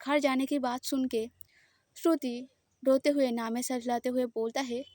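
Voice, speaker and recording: A woman narrating a romantic audio story in a plain, steady storytelling voice. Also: high voice, normal speed, no room sound, clean studio sound.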